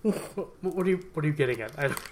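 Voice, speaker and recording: A man's voice: fairly high pitch, animated, fast, slight background noise. A man co-hosting a casual podcast chat, often stammering and restarting, laughing now and then. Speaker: podcast co-host.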